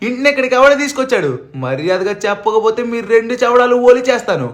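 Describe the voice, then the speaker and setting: Man doing a fast, brash young man. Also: extremely high pitch, animated. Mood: blustering. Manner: scolding, blustering. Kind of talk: cartoon fan dub over gameplay.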